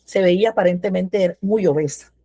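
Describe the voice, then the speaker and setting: A woman's voice: lowish voice, moderate pace, dark tone, husky, no room sound. A woman giving a religious testimony in a devotional, telling her story with fervor and acting out the prayers she quotes. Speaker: devotional speaker.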